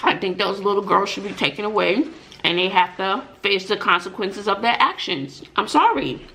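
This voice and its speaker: A middle-aged mukbang vlogger who also teaches middle school gives viewers casual stories and opinions, speaking emphatically with rhetorical questions and regular "mm-mm" interjections. Her mid-range voice is steady in tone yet pushed and bright, at a moderate pace. The recording is rough, with slight background noise.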